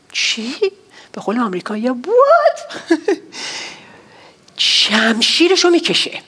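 Woman pastor, sermon, lively storytelling, fairly high voice. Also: husky. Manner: animated storytelling, acting out characters' outbursts.

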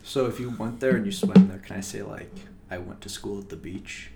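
A man's voice: on the low side, brisk, gravelly, warm tone, slight background noise. A young man from Croatia, a student guest on a podcast, answering in casual chat with dry, self-deprecating humor and hesitant fillers. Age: young adult.

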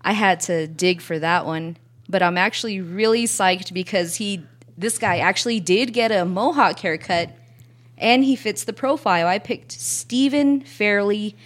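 A woman's voice: mid-range voice, unhurried. A woman guest on a casual podcast, talking enthusiastically and laughing often.

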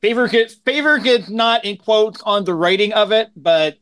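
A man's voice: high-pitched, moderate pace, a bit bright. A man co-hosting a podcast, joking as he runs a question game. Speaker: podcast co-host. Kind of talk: casual chat.

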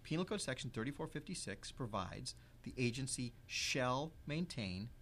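A man explaining legal rules in an interview, measured and precise, stressing key words. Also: mid-range voice, lively intonation, fairly bright tone, slight background noise. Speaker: legal expert guest.

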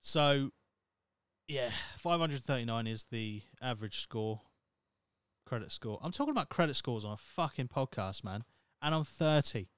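Rambling through his solo podcast monologue, a thirty-year-old male host is wry, self-mocking, and swears a lot. He speaks at normal speed in a medium-pitched, expressive voice with a fairly bright, clean tone and no room sound.

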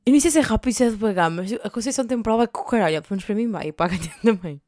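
A woman's voice: mid-range voice, rapid-fire, warm tone, no room sound, clean studio sound. A young adult woman with a European Portuguese accent, telling a rambling story on her podcast, with lots of fillers and casual swearing. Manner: chatty, rambling, heavy filler words and swearing. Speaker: podcast host.

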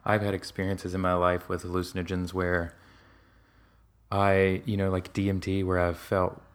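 Casting: man with a very low voice, candid and rambling, casual podcast chat. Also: monotone, normal speed, clear, resonant tone. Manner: candid, rambling with many fillers and restarts.

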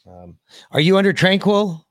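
A man's voice: high-pitched, big pitch swings, normal speed, no echo. A man hosting a call-in show, talking casually and informally as he handles the calls. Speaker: host taking calls. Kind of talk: casual chat.

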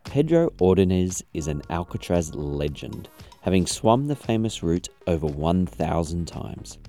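Deep, mellow man reading a podcast intro. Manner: measured, reads from a script. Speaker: podcast host.

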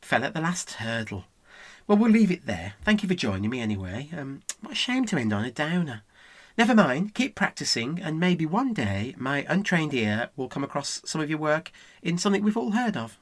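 Woman interviewer, dry sarcastic delivery, lively intonation, dry close sound. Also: low-pitched, normal speed, no echo. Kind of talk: comedy sketch interview.

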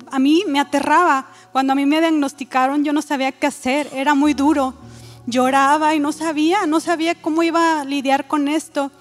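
Woman, high pitch, heartfelt church testimony in a reverberant hall. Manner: earnest, emotional, hesitant fillers. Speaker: guest giving a testimony. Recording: reverberant hall with faint music.

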